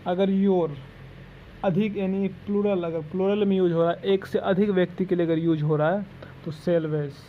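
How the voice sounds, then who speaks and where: A man with a high voice works through grammar examples, circling back to each point again and again. The recording is dull and lo-fi with a faint hiss underneath. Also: steady tone. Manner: repetitive, drawn-out explanations. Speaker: English grammar teacher. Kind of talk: explaining lesson in Hindi with English examples.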